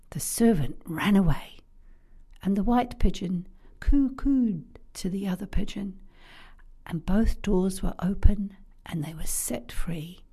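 Breathy, hushed woman telling children's stories. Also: medium pitch. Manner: hushed, whispery and animated. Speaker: storyteller.

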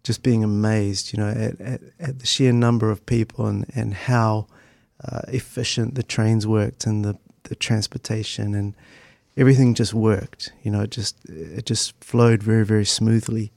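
A low, creaky, slightly mellow male voice speaks with a flat delivery in a clean studio recording with no echo. The speaker is a middle-aged man from Christchurch with a New Zealand accent, an interview guest reminiscing in a conversational, hesitant, halting, and thoughtful way.

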